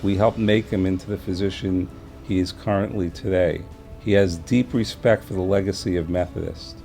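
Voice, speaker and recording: A man speaking in a steady, admiring way about a colleague in an interview. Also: deep voice, moderate pace, creaky. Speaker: hospital colleague. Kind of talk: tribute interview. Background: soft background music.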